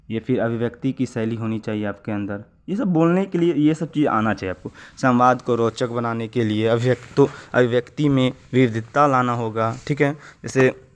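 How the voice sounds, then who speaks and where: A man teaching an exam-prep lecture, explaining step by step, often checking in with the listener and restarting words. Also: medium pitch. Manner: explanatory, repeats "है ना" and "ठीक है" often.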